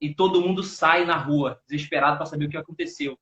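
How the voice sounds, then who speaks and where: A man in his thirties with a Northeastern Brazilian accent tells stories as a guest on a casual live chat, repeating words as he searches for them. His voice is fairly high, fast, pushed and bright. The audio is roomy, dull and lo-fi.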